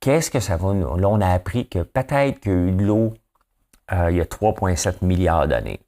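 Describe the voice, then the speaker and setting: A man's voice: sits low, lively intonation, moderate pace, warm tone. A man with a Quebec French accent hosting a daily news commentary show, talking casually, rambling and asking rhetorical questions. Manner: rambling, asks rhetorical questions, often tags "hein?".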